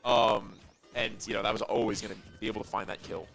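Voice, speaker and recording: Gravelly young man calling esports. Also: fairly low pitch, flat delivery, faint music behind. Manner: fast analytical play-by-play, rising to shouts on big plays. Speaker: esports commentator. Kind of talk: play-by-play commentary.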